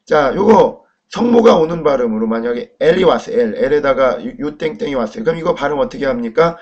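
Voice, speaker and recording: A man teaching Chinese pronunciation in a lecture, slow and deliberate, often asking questions to the viewer. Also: mid-range voice, lively intonation, a little mellow. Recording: dull lo-fi recording.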